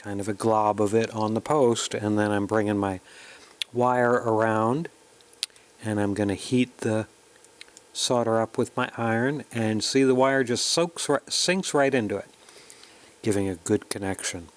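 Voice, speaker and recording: Here the host of an electronics kit tutorial speaks at a measured pace in a voice on the low side, his intonation fairly even. He's casual and explanatory, talking through each step plainly as he works with his hands.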